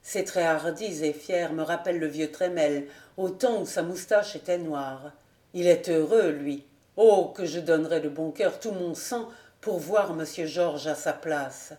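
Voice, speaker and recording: A woman reading aloud as a loyal, sorrowful old male squire, in a low, grave tone. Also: measured pace, dark tone. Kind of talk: audiobook reading. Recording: roomy echo.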